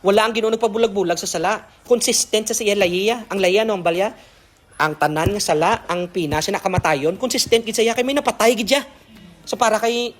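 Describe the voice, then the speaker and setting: Filipino preacher checking in with listeners. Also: male voice, sits high, fairly bright tone. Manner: code-switching, keeps checking in with listeners. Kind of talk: devotional sermon.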